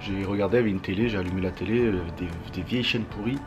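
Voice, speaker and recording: Racing along in a fairly low voice over music, a young vlogger recounts things in slangy, animated bursts full of sound-effect words. He is chatting casually soon after getting his wisdom teeth out, and otherwise speaks normally.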